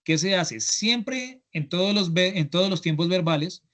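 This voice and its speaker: Over a computer mic on a video call, a Colombian man teaches an online English class, walking through grammar step by step in a slightly high, somewhat bright voice. His intonation is lively and his pace moderate. He keeps checking in with students, often asking "¿listo?"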